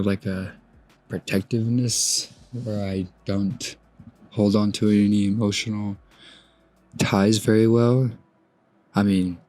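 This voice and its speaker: Low-voiced young man musing aloud. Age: 20s. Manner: soft-spoken, musing, trails off and restarts. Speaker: podcast host. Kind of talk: reflective solo podcast monologue. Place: outdoors at sunrise.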